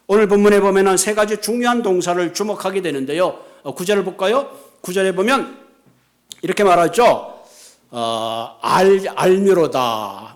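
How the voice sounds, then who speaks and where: An earnest male pastor preaching a sermon, his voice sitting fairly high for a man. He leans into key words with emphasis and builds toward his points.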